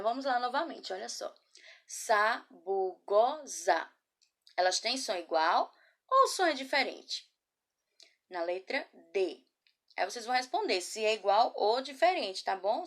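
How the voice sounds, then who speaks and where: A woman teaching a children's class from a camera, patient and affectionate, asking guiding questions and sounding words out slowly. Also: mid-range voice, fairly bright tone. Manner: patient, slow syllable-by-syllable spelling. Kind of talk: remote class lesson. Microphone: laptop or phone camera.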